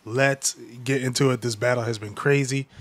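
Excitable young man reacting to a manga. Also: mid-range voice, normal speed. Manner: excitable, filler-heavy play-by-play. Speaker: reaction channel host. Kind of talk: casual manga reaction commentary.

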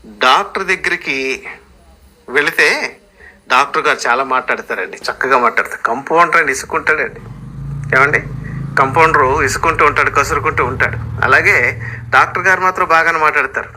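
A male pastor preaching a sermon, telling the story in an animated way. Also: a little high, moderate pace, pauses often, a little hiss or hum.

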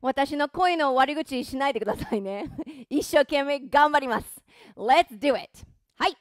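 A woman's voice: high voice, lively intonation, measured pace, no room sound, studio quality. A woman teaching English pronunciation through a song, speaking in an encouraging, playful way and joking about her own voice. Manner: encouraging, playful, self-deprecating. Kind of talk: pronunciation and singing lesson.

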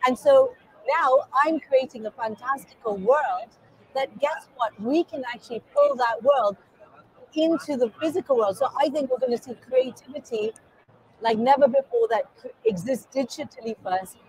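Poor audio with slight background noise captures a gravelly, high-pitched woman talking at a moderate pace. She's a middle-aged Kenyan guest artist at an indoor expo booth, chatting eagerly in a casual interview and gesturing animatedly throughout.

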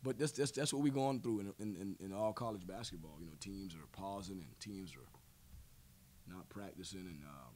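A man in his forties answers reporters after a game, seated at a table mic in a press room. His voice sits on the low side, and he talks in measured phrases, repeating words and leaning on fillers. A faint rumble runs underneath. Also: a little mellow. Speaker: head basketball coach. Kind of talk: post-game press conference. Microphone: table mic on stand.

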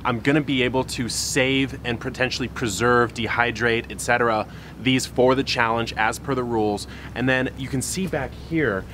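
A man's voice: mid-range voice, fairly bright tone. A man in his thirties hosting a casual garden tour vlog, talking straight to a camera held close to his face, chatty and upbeat. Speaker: gardening channel host. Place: outdoor front and side yard garden by a street, then a garden shed. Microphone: handheld camera close to face. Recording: outdoor street noise audible.

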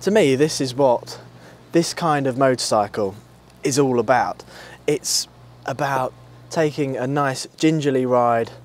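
Sitting outdoors at a country pub table, this British motorcycle vlogger in his thirties speaks unhurriedly in a medium pitch, hardly pausing. His musings to camera are relaxed and enthusiastic, and the clear recording picks up outdoor ambience and passing vehicles.

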